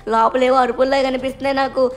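A woman's voice: sits high, level tone, fast talker, natural voice. A woman voicing a small frightened boy who keeps begging adults for help, in a voiced game machinima story. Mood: anxious. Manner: pleading, anxious chatter.

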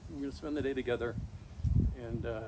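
A middle-aged man talking casually and haltingly to camera outdoors, shivering in ice-cold water, pausing often mid-thought. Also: medium pitch, fairly even intonation. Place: backyard, outdoors, in an ice bath. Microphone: camera a few metres away. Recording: noisy outdoor recording, ambient hum.

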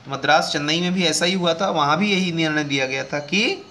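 Male host, a clear bright tone, conversational and direct with viewers, faint background hiss. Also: on the high side, a little fast. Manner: conversational, addresses viewers as friends, reads out news excerpts. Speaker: education news video host. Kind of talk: casual explanatory talk to viewers.

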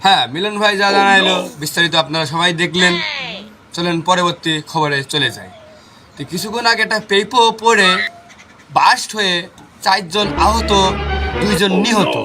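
A man acts out a parody village news anchor with a high-pitched voice and a western Bangladeshi accent. The delivery is mock-solemn and repetitive, in a homemade comedy newscast with music playing underneath. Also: moderate pace, sharp tone. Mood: mock-serious. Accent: western Bangladeshi, Chuadanga area.

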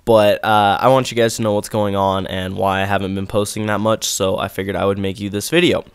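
A man's voice: on the low side, little pitch movement, fairly quick, smooth, dry recording, studio quality. A teenage boy with a sore throat and congestion, talking casually and in a subdued, rambling way with many fillers as he speaks over gameplay. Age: teens. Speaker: gaming video creator.

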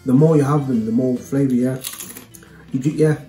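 A man's voice: medium pitch, moderate pace. Man talking while chewing. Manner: chatty, relaxed, lots of murmured mm sounds. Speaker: food review co-host. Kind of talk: casual food tasting chat. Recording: roomy echo, faint music.

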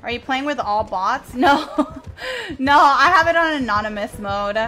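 This native Spanish speaker from Mexico plays games on a live stream, chatting with viewers and answering their chat as she goes. She speaks unhurriedly in a high-pitched, bright, forceful voice.

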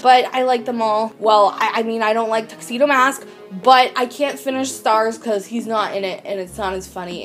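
A woman vlogging an unboxing in casual chat, excitable, swearing often and filling her talk with "like". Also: high voice. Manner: excitable, swears a lot, says "like" constantly.

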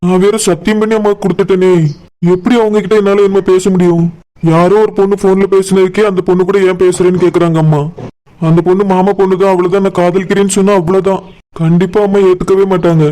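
A nervous young man in a cartoon who frets aloud and soothes his sweetheart, played by a man. His voice sits high for a man. He sounds worried but kind. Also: flat delivery, quick pace, dark tone, close to an everyday voice. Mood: anxious. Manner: fretful, reassuring. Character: anxious young man secretly in love with his cousin. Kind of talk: cartoon voice acting.

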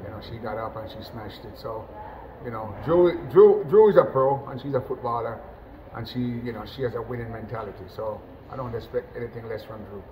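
A middle-aged man from Jamaica talks easily about a match, his voice at an average pitch for a man. He rambles a little, leaning on fillers and restarting phrases. A steady, clearly audible noise runs underneath the webcam sound. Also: brisk, poor audio. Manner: relaxed, conversational, many "you know" fillers and restarts. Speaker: national team football coach. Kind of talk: post-match interview. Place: indoors, in front of a sponsor backdrop.

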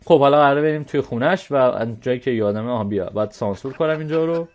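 A man at a middle pitch talks casually over gameplay, chatty and relaxed. He paraphrases the characters' lines loosely between his own remarks. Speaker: gameplay commentator. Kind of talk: casual let's-play commentary, translating dialogue.

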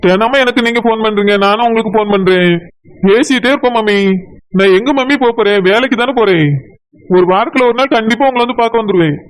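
A man's voice: very high voice, fast talker. A man voicing a cheerful young son who coaxes and reassures his mother, with a Kanyakumari Tamil accent. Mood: reassuring. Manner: reassuring, coaxing.

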